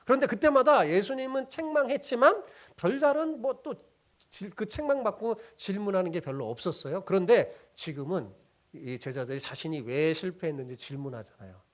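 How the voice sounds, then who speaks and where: A man's voice: high voice, lively intonation, moderate pace. A middle-aged man from South Korea, a pastor preaching a sermon with rhetorical questions and acted-out quotes.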